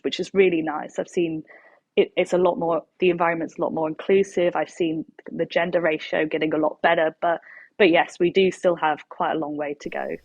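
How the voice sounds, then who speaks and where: A woman's voice: on the low side, no echo, lo-fi sound. A young woman talks casually in a discussion, thoughtful and hesitant, often rephrasing as she goes.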